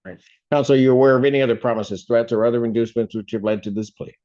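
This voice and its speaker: A man serving as judge, working through formal questions at a measured pace. His voice sits at an ordinary middle pitch. It comes through a courtroom recording with dull, muffled sound. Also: steady tone, dark tone. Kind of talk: formal court plea hearing.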